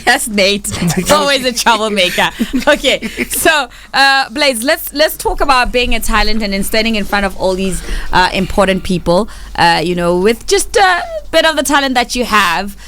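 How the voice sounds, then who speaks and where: A woman interviewing guests, speaking in a lively way with many fillers. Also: on the high side, moderate pace, hardly any pauses, a little hiss or hum. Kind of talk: interview questions.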